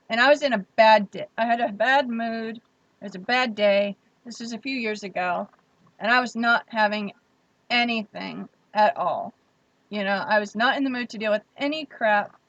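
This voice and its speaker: A woman's voice: a little high, no room sound, dull audio. A young woman hosting a casual livestream, chatting freely and reading viewer comments aloud. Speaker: livestream host.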